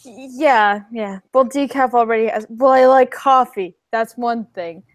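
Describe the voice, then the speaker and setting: A young woman in a casual chat, hesitant and soft-spoken as she talks about herself. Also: on the high side, unhurried.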